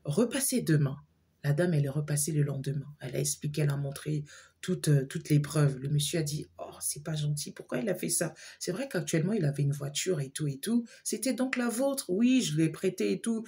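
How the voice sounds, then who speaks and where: Husky woman telling a story. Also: deep voice, brisk. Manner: animated, repetitive, frequent fillers. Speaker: storyteller addressing her viewers. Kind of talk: casual storytime monologue.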